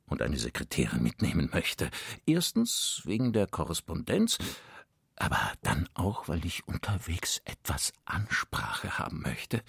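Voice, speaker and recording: An actor playing a nervous company director in a radio play, halting and stumbling over his words. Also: sits low, gravelly, fairly bright tone, husky, no echo, clean studio sound, exaggerated voice.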